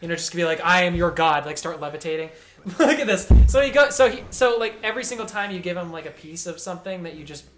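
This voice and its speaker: A man's voice: high-pitched, animated, fast talker, noisy background. Rambling joking young man commentator. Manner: rambling, joking, lots of fillers. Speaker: let's play co-host, guide. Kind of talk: casual gameplay chat.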